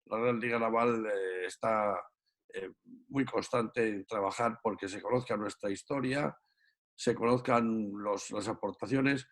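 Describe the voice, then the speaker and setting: A man from a naval league speaking up in an online question session, giving effusive praise and pausing often. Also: on the low side. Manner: warm, effusive praise with pauses. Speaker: audience member from a naval league.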